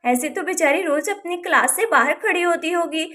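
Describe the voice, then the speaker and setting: A woman voicing a caring village mother in a doll storybook, talking softly and reassuringly. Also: very high voice, moderate pace. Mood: determined. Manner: soft, reassuring, sighing.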